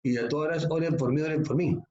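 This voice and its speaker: A man's voice: a little high, fast talker, warm tone, slight background noise, lightly acted. A man voicing a panicky churchgoer who frantically begs for prayer, whining and wailing. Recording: echoey, slightly muffled room recording.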